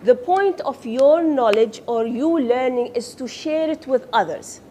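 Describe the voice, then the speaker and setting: Speaking at a measured pace, a native Arabic-speaking teacher uses a high voice with a dark tone. She questions her students during the lesson and commends their responses over slight background noise.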